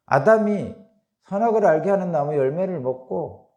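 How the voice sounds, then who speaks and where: A middle-aged man preaching an early morning sermon. He reads scripture aloud and explains it with animated rhetorical questions. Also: high-pitched, normal speed, lo-fi sound. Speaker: pastor.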